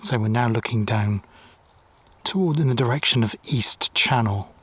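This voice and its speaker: A man's voice: medium pitch, moderate pace, fairly bright tone, no echo. A man from Gloucestershire with a local accent, chatting casually as he walks by a river and road, rambling with small restarts. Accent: Gloucestershire English. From Gloucestershire, England. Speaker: walking vlogger. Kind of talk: casual walking commentary. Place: outdoors by a river and busy road. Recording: faint outdoor road noise. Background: faint road and weir noise.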